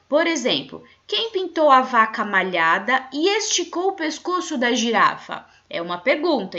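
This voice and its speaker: A woman primary school teacher with a Brazilian Portuguese accent, giving a video lesson to young children and stretching out syllables in a slow, sing-song way. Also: a little high, fairly bright tone, lo-fi sound.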